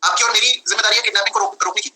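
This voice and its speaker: A young man teaching law in a live online class, lively, switching between Hindi and English and acting out his examples. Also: high voice, very fast, slight background noise, poor audio.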